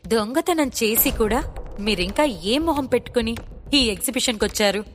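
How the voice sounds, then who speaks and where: A woman's voice: a little high, animated, normal speed, big-room sound, slight background noise, lightly acted. A woman voicing a haughty rival female designer in an audio story, speaking in a mocking, sarcastic way.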